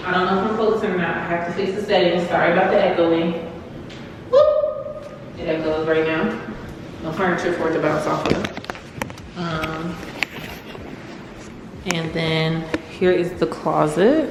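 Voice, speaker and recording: A woman's voice: on the low side, lively intonation, a little slow, pauses often, noisy background. A woman giving a chatty, informal apartment tour to her viewers, her voice carrying a big hall echo from an empty unfurnished apartment. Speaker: vlogger. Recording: echoey empty room with faint music.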